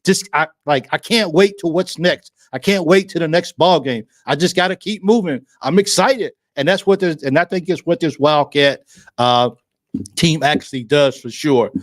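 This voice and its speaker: A man's voice: a little high, normal speed, no room sound, studio quality. A man hosting a sports livestream, talking emotionally and effusively, repeating himself and restarting his phrases. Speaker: livestream sports show host. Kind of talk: excited casual fan commentary.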